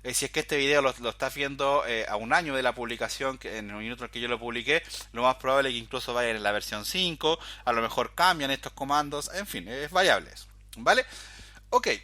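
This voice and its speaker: Bright and forceful, this man's mid-range voice moves fairly quickly with no room sound. He walks viewers through a screen-recorded coding tutorial step by step, frequently using "fíjate" to draw their attention to details.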